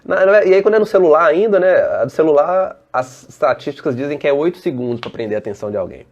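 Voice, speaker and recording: A man's voice: on the high side, lively intonation, fast, dull audio. Brazilian man giving a casual live talk. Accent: Brazilian Portuguese. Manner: casual and conversational, often answers viewer comments. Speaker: safety engineer and trainer. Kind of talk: live online presentation.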